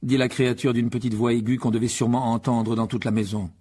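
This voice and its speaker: A man reading an audiobook expressively, with a lively delivery that rises in pitch for dialogue. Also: fast talker, husky. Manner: lively, voices Harry with rising pitch in dialogue. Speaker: audiobook narrator.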